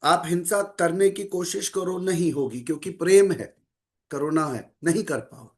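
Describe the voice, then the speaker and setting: A middle-aged man giving a calm, measured spiritual talk to listeners, mixing in English phrases. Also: fairly high pitch. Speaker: spiritual speaker.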